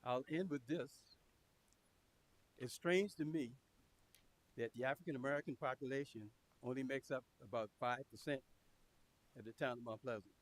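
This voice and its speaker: Over a faint hiss, a man with a mid-pitched voice delivers a public comment to a council. He speaks in measured, deliberate phrases as a community representative. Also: poor audio. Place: town council meeting room. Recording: clear background hiss.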